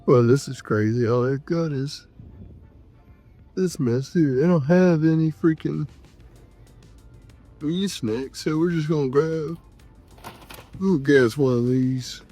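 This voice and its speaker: A man with a somewhat high, nasal voice, congested and under the weather, talks casually to his viewers. He sounds like an everyday folksy trucker walking them through his routine, with a little music behind him. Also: slow pace, pauses often, mellow. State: sick with a cough and congestion. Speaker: trucker vlogger. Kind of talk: casual vlog chat to viewers.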